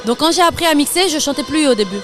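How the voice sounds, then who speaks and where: High-voiced French woman chatting in an interview. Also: very fast, soft background music. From France. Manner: lively, laughs often, chatty with fillers. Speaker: interview guest, singer and DJ. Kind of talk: casual interview chat.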